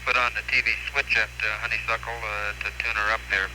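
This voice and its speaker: Fast-talking man on noisy space radio. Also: lowish voice, level tone. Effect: crackly space radio. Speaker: astronaut on a spacecraft. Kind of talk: casual technical radio exchange.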